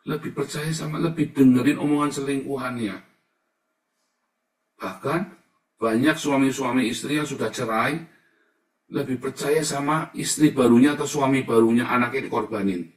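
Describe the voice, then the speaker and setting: A middle-aged male pastor, preaching a sermon and swinging from soft, low asides to loud, emphatic bursts. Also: normal speed. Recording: roomy sound from a distance.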